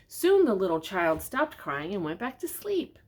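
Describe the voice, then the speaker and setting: Reading a kids' storybook out loud, an older woman keeps her delivery gentle and expressive and frequently asks her young audience questions directly. She speaks at a normal speed with a medium pitch.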